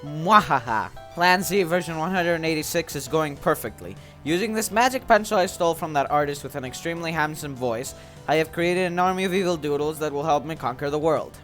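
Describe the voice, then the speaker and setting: A man's voice: fairly high pitch, brisk, few pauses, soft background music, close to an everyday voice. Man doing a theatrical, menacing little cartoon villain. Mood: gloating menace. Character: tiny gloating male cartoon villain, grandiose scheming mastermind. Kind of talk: acted reading of cartoon game dialogue.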